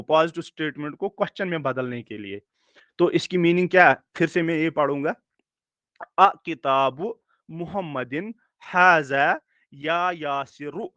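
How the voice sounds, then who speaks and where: A man teaching a recorded lecture, explaining slowly, repeating words and checking in with his students. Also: fairly high pitch, a bit bright, no room sound. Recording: dull dry lo-fi recording.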